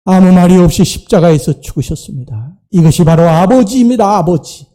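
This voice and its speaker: A man preaching a sermon as pastor in a church sanctuary, swinging between loud emphatic rises and soft low drops. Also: a little fast.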